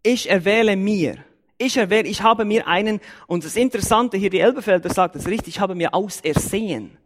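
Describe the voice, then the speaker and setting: High-pitched male church elder, Bible-teaching sermon, emphatic, counts off his points. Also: a little fast. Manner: emphatic, repeats and numbers his points, lively rises and drops in pitch.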